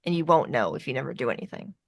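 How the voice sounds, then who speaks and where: A woman's voice: a bass voice, big pitch swings, very fast, vocal fry, no room sound, studio quality. A woman hosting a podcast in a casual chat, agreeable, often affirming with yeahs and ums. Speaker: podcast host.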